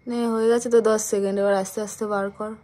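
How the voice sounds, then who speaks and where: A woman talking calmly and plainly in a casual home chat. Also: medium pitch, rapid-fire. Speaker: family member in vlog.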